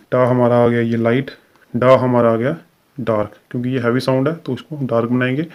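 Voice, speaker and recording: A man's voice: medium pitch, darkish tone. A man teaching a recorded shorthand lesson, explaining each sign step by step with frequent fillers.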